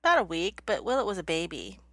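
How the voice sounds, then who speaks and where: A woman's voice: lowish voice, huge pitch swings, fast, fairly bright tone, no room sound, clean studio sound. Stuffy-nosed middle-aged woman co-host. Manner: easygoing, giggly. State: stuffy nose. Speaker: podcast co-host. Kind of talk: casual chat. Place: home.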